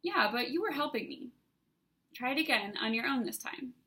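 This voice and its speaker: A woman voicing a cheerful, bubbly teenage girl with telepathic powers in an audiobook reading, speaking brightly and eagerly. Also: fairly high pitch, lively intonation, normal speed. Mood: excited.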